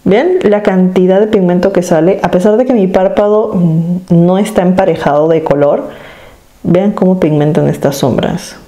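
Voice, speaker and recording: A woman speaks in a soft, mellow voice that sits a little low for a woman. She chats casually to her viewers from home while doing her makeup, steadily describing each step as she goes. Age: adult. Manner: chatty, demonstrative, addresses viewers directly. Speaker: beauty vlogger.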